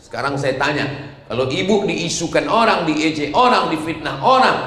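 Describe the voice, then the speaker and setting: A man preaching a lively sermon to a mosque congregation, asking the crowd questions and moving between loud exclamations and low asides. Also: normal speed. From Indonesia. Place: mosque hall. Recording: echoey hall, reverberant mosque.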